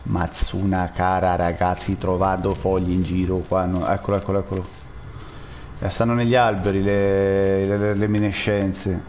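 A man's voice: deep voice, little pitch movement, moderate pace, darkish tone, slight background noise. A man giving jittery, jokey live commentary while playing a game and talking to his chat. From Rome, Italy. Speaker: gaming streamer.

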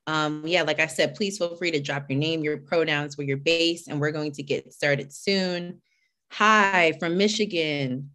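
A woman hosting an online teach-in on a video call, chatty and welcoming as she greets people by name before moving into a more formal introduction. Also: lowish voice. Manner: warm, chatty greetings, reading names from the chat. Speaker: host and executive director.

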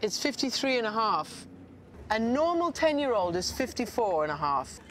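A middle-aged woman reporter asking gentle, direct questions on location. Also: fairly high pitch, very animated, normal speed, crowd noise. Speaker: reporter interviewing. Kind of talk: field interview.

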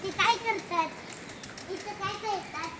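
A woman's voice: very high-pitched, slow, heavy background noise. A woman speaking in short questions and answers.

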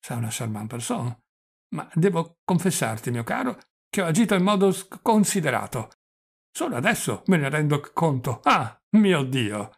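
A man's voice: on the high side, sing-song, moderate pace, vocal fry, breathy edge, voice pushed up, exaggerated voice. A man reading the part of a forgetful, rambling old prince who stammers and drops French phrases, in an audiobook. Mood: fretful. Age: older.

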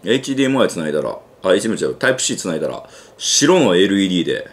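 A man's voice: low-pitched, big pitch swings, racing. A man with a Kansai accent hosting a casual gadget unboxing review, chatty and thinking aloud with lots of fillers. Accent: Kansai Japanese. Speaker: gadget reviewer and channel host.

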